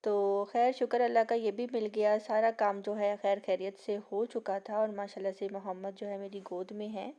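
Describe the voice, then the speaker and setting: A young woman from Pakistan narrating a family vlog in a chatty way, filling pauses with "jo hai" and talking slowly because of a sore throat and fever. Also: mid-range voice, level tone, dark tone. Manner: chatty, leans on the filler "jo hai". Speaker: family vlogger.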